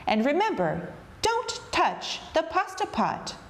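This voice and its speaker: A woman performs an old storybook witch who is firm and instructive. Her delivery is slow and emphatic, with melodic, widely swinging pitch. The room adds noticeable echo. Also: sing-song. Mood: firm, instructing. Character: old village witch woman, strict, sing-song spell chanter. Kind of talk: children's storybook character voice.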